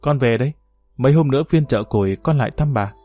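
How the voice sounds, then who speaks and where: A man reading an audiobook voices a poor young mother who speaks softly and pleadingly. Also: mid-range voice, fast talker, dry recording, soft background music, close to an everyday voice. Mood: quiet. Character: poor young mother, tearful but gentle.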